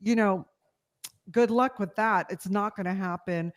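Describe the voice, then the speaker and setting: A woman's voice: medium pitch, a little slow. A woman co-hosting a casual political discussion, talking conversationally with frequent fillers. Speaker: podcast co-host.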